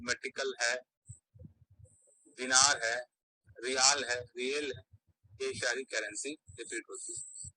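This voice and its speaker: A man's voice: mid-range voice, bright, forceful tone, dry recording, rough recording. A man with a Bihari Hindi accent, teaching a mnemonic lesson full of playful puns and repeated words.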